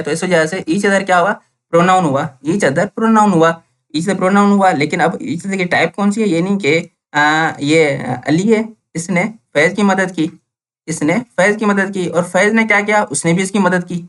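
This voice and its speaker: This young man's voice sits high and sounds a bit bright as he teaches English grammar in Hindi sprinkled with Urdu words. Classroom-style, he repeats each point and asks questions only to answer them himself.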